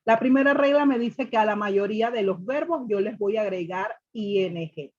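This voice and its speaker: A woman's voice: mid-range voice, normal speed, muffled recording. A woman teacher explaining grammar rules step by step to a class, repeating each rule and asking students questions. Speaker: English teacher.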